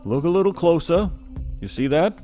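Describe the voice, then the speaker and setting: A man's voice: on the high side, animated, normal speed, mellow, faint music behind, voice pushed up, lightly acted. A man voicing a cryptic, matter-of-fact male bartender who talks in a knowing, insistent way.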